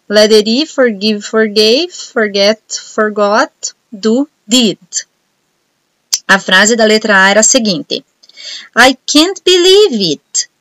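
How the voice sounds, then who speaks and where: Slow, careful Brazilian woman teacher. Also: fairly high pitch, dry recording. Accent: Brazilian Portuguese. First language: Portuguese. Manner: reads example sentences slowly and clearly, explains briskly in Portuguese. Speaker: English teacher. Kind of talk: recorded homework correction for students.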